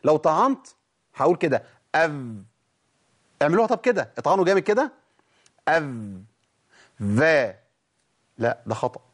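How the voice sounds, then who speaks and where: A man with an Egyptian Arabic accent teaching Quran recitation rules, animated and demonstrating sounds again and again. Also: a little high, fast, slightly rough. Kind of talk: tajweed lesson.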